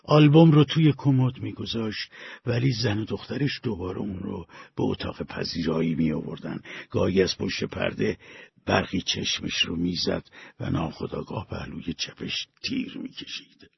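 A man reading a story aloud with slow, dramatic delivery and big swings in loudness. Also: low-pitched. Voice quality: gravelly, husky. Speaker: narrator. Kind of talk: storybook narration. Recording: dull lo-fi dry recording.

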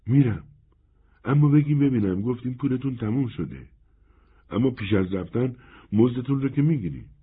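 A man voicing a shy, cheerful young servant girl with a husky, raised voice. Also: medium pitch, lively intonation, long pauses, pitched above the performer's own voice. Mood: eager, wistful. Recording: narrow phone-like band.

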